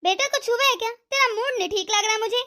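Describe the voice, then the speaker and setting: A woman's voice: extremely high pitch, quick pace, sharp tone. A caring cartoon mother. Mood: concerned. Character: caring mother of the daughter-in-law.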